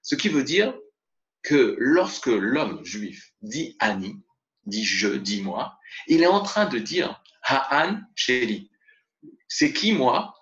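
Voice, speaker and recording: A man giving a spoken religious lesson as a Torah teacher, expressive and mixing Hebrew terms into his explanations, in a dull lo-fi recording. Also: medium pitch, takes it slowly.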